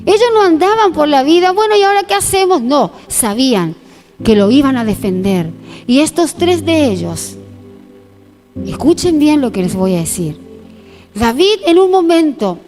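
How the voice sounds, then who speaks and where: A woman's voice: sits high, sing-song, unhurried, a little mellow, faint music behind. A woman pastor preaching at a live church service, emphatic and acting out quotes, her voice sometimes breaking with emotion. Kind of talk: sermon. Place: church sanctuary.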